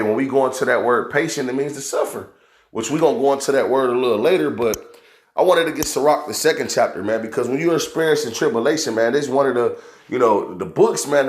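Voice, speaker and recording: A man giving an informal scripture lesson, talking loosely and peppering every phrase with "man" and "you know". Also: mid-range voice. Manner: casual, calls listeners "man" constantly, many fillers. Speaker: preacher. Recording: roomy echo.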